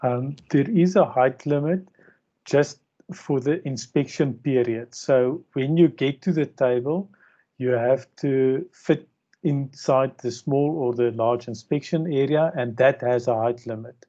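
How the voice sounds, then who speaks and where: South African man, rules explainer, mellow and matter-of-fact, dull lo-fi call line. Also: mid-range voice, unhurried. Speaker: robot game presenter. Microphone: video call.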